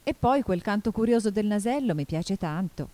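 A woman's voice: medium pitch, expressive, normal speed, dark tone, pitched above the performer's own voice, natural voice. A woman voicing a polite, curious young girl in an audiobook, speaking carefully. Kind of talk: audiobook character voice.

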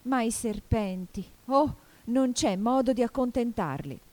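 A woman voicing a distraught male pigeon in a storybook reading, shrill, wailing and accusing. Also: very animated, moderate pace, warm tone, natural voice. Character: frantic male pigeon guarding eggs, shrill and suspicious.

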